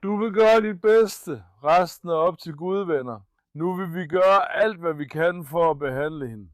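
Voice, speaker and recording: A young man caring for a sick puppy on camera, earnest with viewers and coaxing softly with the dog. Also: on the high side, no echo, clean studio sound. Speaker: animal caretaker and channel host. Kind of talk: casual vlog explaining care of a sick puppy.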